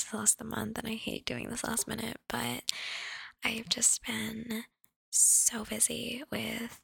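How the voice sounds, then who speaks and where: A woman's voice: a little high, vocal fry, fairly bright tone, slightly rough, no room sound. A young woman audio creator whispering a casual, rambling update to her listeners while chewing gum. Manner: rambling, affectionate, with little laughs.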